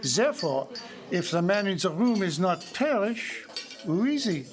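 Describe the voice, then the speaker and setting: A man performs a courtly, pompous, confident Belgian detective with a put-on French-speaking Belgian accent in a live radio-style mystery drama on a public library stage before an audience. His voice is high, very animated and unhurried. He explains smugly, in a precise, theatrical, self-satisfied way.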